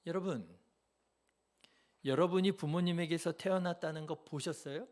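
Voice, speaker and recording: A man's voice: on the high side, normal speed, darkish tone. A male pastor preaching a Sunday sermon in a church, who keeps putting rhetorical questions to the congregation. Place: church sanctuary.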